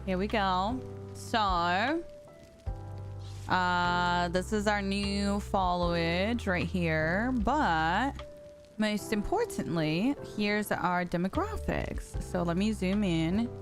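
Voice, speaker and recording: Unhurried woman streamer in her late twenties. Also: medium pitch, lively intonation. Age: late 20s. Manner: chatty, reads out and answers chat, laughs easily. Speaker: game streamer. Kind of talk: casual live-stream chat while gaming. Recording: music playing under the voice. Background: background music.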